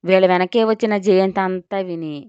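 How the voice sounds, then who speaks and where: Smooth-voiced woman narrating a story. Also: medium pitch, fairly even intonation, moderate pace, a little mellow, dry recording. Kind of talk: scripted audio story narration. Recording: dull, dry.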